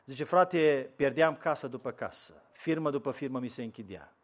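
A man preaching a sermon, dropping from low asides to loud, pleading cries. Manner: swings from low muttering to loud preaching and acted quotes.

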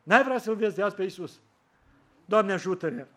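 A man preaching a sermon, slowing down and rising in emphasis when he quotes scripture. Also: high-pitched, animated, pushed and bright. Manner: fervent preaching, slows and rises on scripture quotes.

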